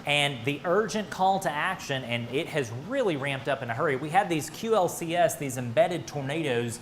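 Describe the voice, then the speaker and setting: A man's voice: fairly high pitch, lively intonation, moderate pace, fairly bright tone. Urgent American weatherman, noisy background. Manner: urgent, emphatic, direct appeals to listeners. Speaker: weather broadcaster. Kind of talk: live severe weather coverage, ad-libbed.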